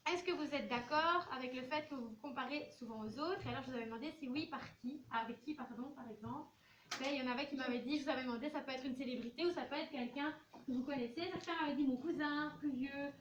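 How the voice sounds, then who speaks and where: The highs are cut off in this recording of a woman with a high-sitting voice speaking fast to her class. Informal and chatty, she acts out short examples of what teenagers say, recorded from a distance in a noisy, echoing classroom.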